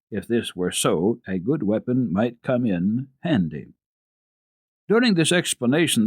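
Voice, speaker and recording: A man with a medium-pitched, somewhat dark voice reads a classic children's story with dramatic flair, like a radio program host telling tales. The recording is dry.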